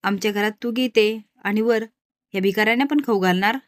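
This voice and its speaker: A woman's voice: medium pitch, a little fast, no room sound, natural voice. Woman doing a harsh domineering mother-in-law, contemptuous, dry sound. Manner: shouting, contemptuous.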